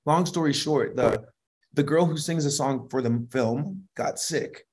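A middle-aged man with a high voice, a worship leader and vocal producer, tells stories in a relaxed, conversational way as an interview guest. He's unhurried yet animated, laughing often, frequently restarting sentences, and saying "you know what I mean."

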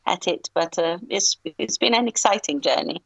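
Guest consultant from Albania, woman in her forties, low voice, measured and earnest. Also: lively intonation, vocal fry, a bit bright, highs cut off. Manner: earnest, measured, frequent restarts. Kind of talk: radio interview.

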